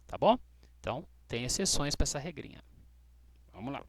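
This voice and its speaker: A Brazilian man teaching English grammar to students, patient and checking in often with short questions, spelling out letters slowly. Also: mid-range voice, very animated. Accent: Brazilian Portuguese. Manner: spells out letters slowly, stressing key words. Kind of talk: explaining grammar rules to students.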